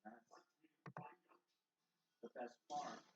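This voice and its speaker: Excitable man streaming gameplay, echoey and distant. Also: takes it slowly, dull audio, noisy background. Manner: excitable, swears freely. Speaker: game streamer. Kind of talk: live gameplay commentary.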